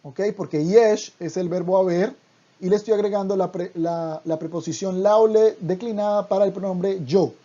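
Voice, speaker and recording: A Hebrew teacher giving an online language lesson, speaking deliberately and repeating each word twice. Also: mid-range voice, steady tone, dark tone, highs cut off.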